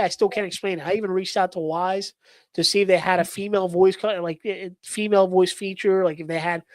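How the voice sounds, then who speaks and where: A man, a paranormal investigator, telling a spooky story in casual live-stream chat, excitable and full of fillers. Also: high voice, no room sound, rough recording.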